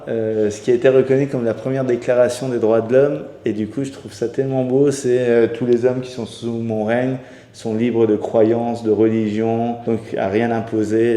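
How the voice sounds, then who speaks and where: A man's voice: medium pitch, warm tone. A man hosting a casual interview chat, talking enthusiastically with many restarts. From Iranian heritage. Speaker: host. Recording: echoey room with long reverb.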